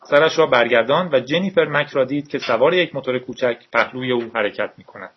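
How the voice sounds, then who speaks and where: A man with a husky, mid-pitched voice reads a novel aloud in a steady, measured way. The recording is dull and lo-fi, with a muffled top end. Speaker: audiobook narrator.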